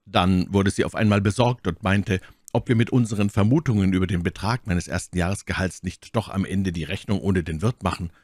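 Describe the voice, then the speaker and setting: A man reading a classic story aloud as an audiobook, in a measured and expressive way. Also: low-pitched, no room sound, clean studio sound. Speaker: audiobook reader. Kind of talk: scripted audiobook narration.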